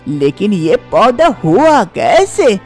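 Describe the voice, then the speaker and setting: A woman voicing an older village mother-in-law in an animated storybook cartoon, who fusses and calls out orders to her family. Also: medium pitch, slow, soft background music. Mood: bossy.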